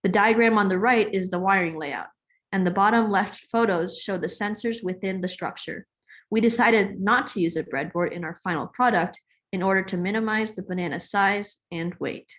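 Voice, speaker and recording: A young woman from California presenting her part of a student project on a video call, in an even scripted delivery. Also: mid-range voice, moderate pace.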